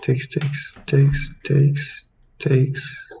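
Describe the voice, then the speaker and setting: A mid-pitched man talks slowly and haltingly through chess ideas, stopping to correct himself. His voice has a gravelly edge. He sounds like he is thinking out loud in a casual chat. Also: monotone. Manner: hesitant, lots of fillers and self-corrections. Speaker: chess sparring partner. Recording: poor-quality microphone.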